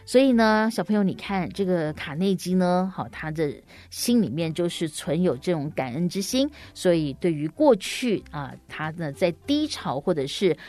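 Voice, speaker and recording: A woman with a slightly low voice tells a true-life story to young children. She explains things like a teacher, speaking straight to her little listeners and rounding off phrases with soft sentence particles.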